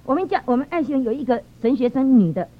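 A woman giving a lively church testimony, telling stories with animated expression. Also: sits high, quick pace. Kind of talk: storytelling testimony. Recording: dull lo-fi sound.

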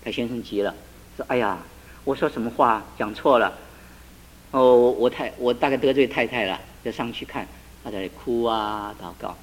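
In a low-quality recording, a man at medium pitch and moderate pace preaches a sermon built around a told story. He voices the couple's dialogue in changing tones, rising to emphatic peaks.

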